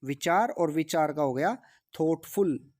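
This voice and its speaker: A man's voice: a little high, unhurried, a little mellow. A man teaching English vocabulary in Hindi. He repeats each word and its meaning and asks rhetorical questions as he drills the list. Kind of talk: vocabulary lesson.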